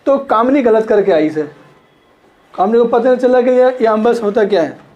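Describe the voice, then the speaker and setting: A man's voice: very high-pitched, animated, moderate pace, muffled recording. A man teaching literature in a classroom lecture, repeating points, checking understanding and stretching words to show stress.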